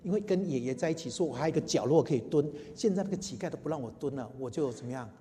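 A man voicing a poor orphaned beggar boy in a sermon story, soft and plaintive. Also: on the high side, expressive, racing, slight background noise, lightly acted. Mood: sad. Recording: long hall reverb.

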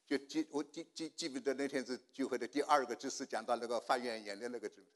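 An older man preaching a sermon, telling a personal testimony and swinging from hushed prayer to loud outbursts. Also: mid-range voice, steady tone, fast. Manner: storytelling, swinging from hushed to shouting.

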